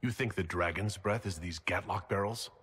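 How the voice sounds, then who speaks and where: A man's voice: deep voice, moderate pace, breathy edge, full character voice. A man playing a serious, resolute leader of an inquisition in a video game, speaking earnestly and inquiringly. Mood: concerned. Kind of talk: cinematic video game dialogue. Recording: loud ambient noise behind voice.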